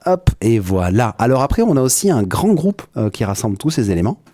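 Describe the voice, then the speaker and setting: A man with a French accent giving a relaxed, hesitant live-stream tutorial on his music setup from his home studio. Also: medium pitch, fairly quick, dry recording. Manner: explanatory, with frequent hesitations and "hop" interjections.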